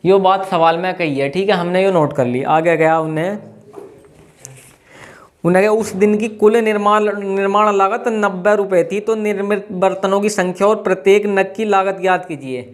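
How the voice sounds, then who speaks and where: High-voiced man teaching math. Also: normal speed. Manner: keeps quizzing students. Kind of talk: classroom lesson.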